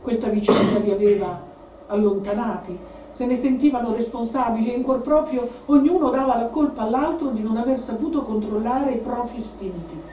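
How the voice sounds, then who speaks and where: Woman reader at a book event, expressive dramatic reading, distant mic, faint room ambience. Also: a little high, brisk, reverberant, a little hiss or hum. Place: shop venue hosting a live event.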